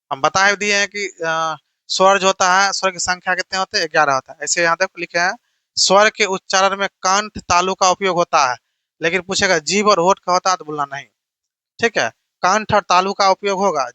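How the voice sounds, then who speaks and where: A male teacher runs through an exam-prep grammar lesson in a high, bright voice. He repeats each point and keeps checking that the class is following. The sound is dry and close, with little room echo. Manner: repetitive, keeps checking "theek hai na"; asks and answers his own questions.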